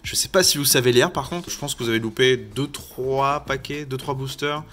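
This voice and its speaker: A man's voice: medium pitch, fairly even intonation, normal speed, fairly bright tone. A man casually commenting while he opens trading card packs, joking at his own expense with rambling asides. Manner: jokey, chatty, wandering asides. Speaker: YouTuber opening Pokémon card packs. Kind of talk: casual self-mocking commentary to camera.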